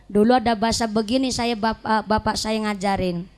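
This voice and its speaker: A woman preacher with a Banyumasan ngapak accent, giving a humorous sermon to a congregation and telling lively stories. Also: medium pitch, fairly quick, clear, resonant tone. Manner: lively storytelling, mimics voices and mixes local dialects for jokes. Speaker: female Islamic preacher.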